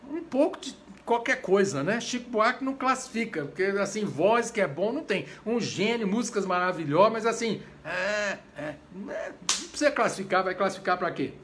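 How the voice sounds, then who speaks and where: A Brazilian conductor with a Brazilian Portuguese accent, giving a chatty, informal lecture on voice types. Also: male voice, high voice. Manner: animated, chatty, breaks into short sung examples. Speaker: conductor and voice teacher. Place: home during quarantine.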